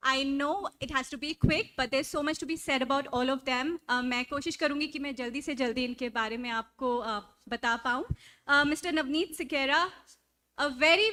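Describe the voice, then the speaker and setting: A woman's voice: sits high, bright, forceful tone. A woman with a North Indian accent hosting a live event, introducing guests in an effusive, enthusiastic style. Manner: effusive, gushing. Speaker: event host introducing panelists. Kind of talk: enthusiastic live stage presenting, mixing English and Hindi.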